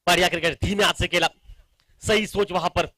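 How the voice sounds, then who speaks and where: An Indian man delivers excited, emphatic live cricket commentary. His voice sits high for a man, with a bright, forceful edge and a very dry, close sound. He breaks up the calls with analytical asides aimed at the listener. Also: brisk, dry recording.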